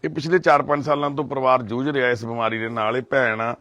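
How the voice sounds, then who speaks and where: A Punjabi-accented man reporting from a village home, his voice gentle and consoling as he leads an on-location interview. He speaks at a middle pitch. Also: fairly even intonation, quick pace, highs cut off.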